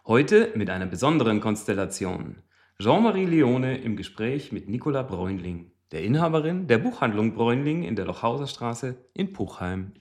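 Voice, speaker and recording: A man's voice: medium pitch, sing-song, normal speed. A man reading a scripted podcast intro. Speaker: podcast announcer. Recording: loud music underneath.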